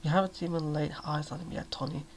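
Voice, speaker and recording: A desperate, exhausted young mother, as a male reader puts her on, raw and pleading. The voice has a gravelly edge, with faint noise in the background. It is a soft-spoken ASMR reading. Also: fairly high pitch, level tone, fast talker, close to an everyday voice.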